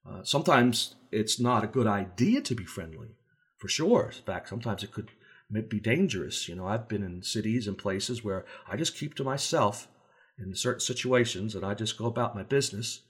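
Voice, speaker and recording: A man speaking as a safety trainer in a relaxed, conversational teaching talk, using everyday examples and briefly acting out voices. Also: lowish voice, moderate pace. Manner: acts out contrasting voices to make points.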